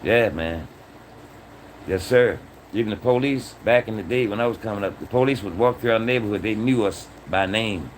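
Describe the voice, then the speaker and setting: This livestream host is a man in his sixties with a fairly low voice at normal speed, caught on a low-quality recording with slight background noise. Talking casually to his chat, he keeps repeating himself earnestly and tacks "man" onto many phrases.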